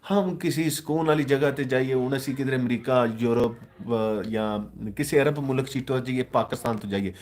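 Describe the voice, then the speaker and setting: A man's voice: mid-range voice, normal speed, few pauses, darkish tone. A man with a Punjabi accent, from Pakistan, hosting a casual live stream, joking with viewers as he reads their comments. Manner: joking, switches into mocking put-on voices.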